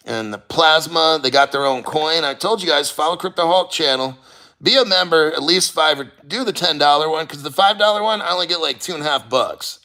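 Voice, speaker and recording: Casual livestream host, male, middle-aged, slightly high voice with a sharp forceful edge, loose-tongued and prone to swearing. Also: creaky. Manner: rambling, profane, halting. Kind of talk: casual livestream chat, reading viewer comments.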